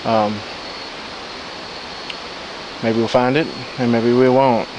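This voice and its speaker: A man's voice: mid-range voice, little pitch movement, takes it slowly. Man vlogging casually over outdoor stream noise. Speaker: hiking vlogger. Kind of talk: casual, unscripted trail narration. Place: outdoors on a rocky riverside woodland trail. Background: stream and natural ambience.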